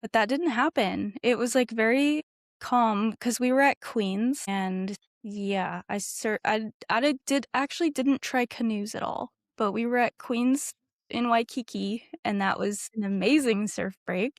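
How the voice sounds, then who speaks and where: A woman in her twenties, a guest on a podcast, chatty and quick to laugh, with lots of filler words. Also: a little high, no echo, clean studio sound. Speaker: guest, adaptive surfer. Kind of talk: casual interview.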